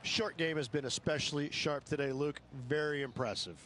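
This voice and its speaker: A man giving calm, explanatory golf course analysis for a video game. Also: a little high, normal speed, a little hiss or hum. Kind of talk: scripted video game commentary.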